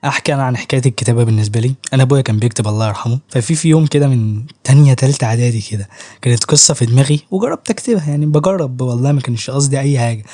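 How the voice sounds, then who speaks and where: A man's voice: mid-range voice, racing, mellow. A young man with an Egyptian Arabic accent, chatting casually to camera about writing, joking in street slang and laughing often. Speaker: YouTuber giving writing advice.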